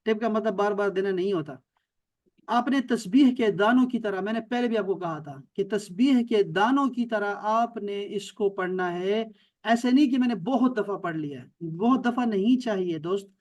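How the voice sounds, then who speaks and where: A man with a notably high voice leads an online language class over a video call. He speaks emphatically, pressing points home. He drills words again and again until they stick. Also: darkish tone. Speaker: Arabic teacher.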